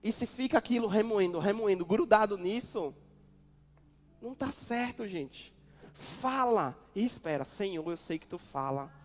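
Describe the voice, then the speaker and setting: A male pastor with a Brazilian accent preaches in a high voice, stacking repeated phrases and landing them with sudden force. The sound is dull and muffled. A long reverb trails each line across the church hall. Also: lively intonation, a little slow, a little hiss or hum. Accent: Brazilian Portuguese. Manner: preaching with repetition and sudden loud emphasis. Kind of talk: sermon.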